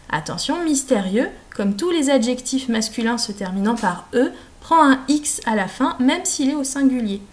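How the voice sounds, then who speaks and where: A woman speaking as a French teacher, carefully enunciating in a didactic, deliberate way as she dictates and explains. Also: on the high side, a little mellow. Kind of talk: slow, articulated classroom dictation and explanation.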